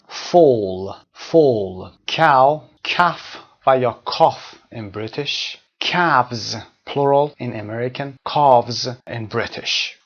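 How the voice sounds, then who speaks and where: A man teaching English from a textbook, explaining in one language and reading English examples slowly and carefully. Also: medium pitch, dull audio.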